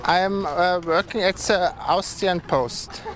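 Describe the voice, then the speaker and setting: A man speaks slowly in a high, light voice, halting and searching for his words in English. He is recorded outdoors on a busy city street, with clear traffic noise behind him. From Germany. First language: German. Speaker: march participant. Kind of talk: street interview.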